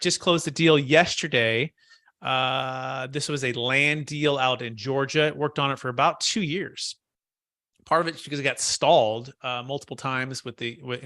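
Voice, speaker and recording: Man, host, casual webinar talk over a video call, earnest, bright forceful voice, slightly high, dry close sound. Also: dry recording. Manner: earnest, thinks aloud with restarts. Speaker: host of a commercial real estate mastermind call.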